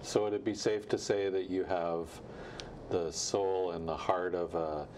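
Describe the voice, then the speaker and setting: A man's voice: low-pitched, fairly even intonation, a little slow, darkish tone, slight background noise. A man hosting a TV studio interview, probing and joking as he sums up his guest's answers. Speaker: TV show host.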